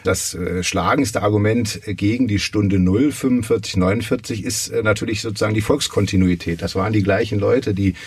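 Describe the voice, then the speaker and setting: A man speaking as a guest historian in a panel discussion, measured and academic, pausing often with hesitations. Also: on the low side, a little mellow, breathy edge, recorded from a distance.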